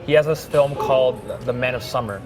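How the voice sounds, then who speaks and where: A man's voice: mid-range voice, brisk. A young man, a filmmaker guest, talking in a casual interview with lots of "like" fillers. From Thailand. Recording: music playing behind.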